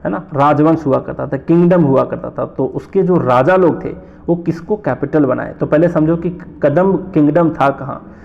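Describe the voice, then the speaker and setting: A man from North India teaching an exam-prep lesson, explaining slowly, repeating terms and asking rhetorical questions. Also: fairly high pitch, gravelly, highs cut off.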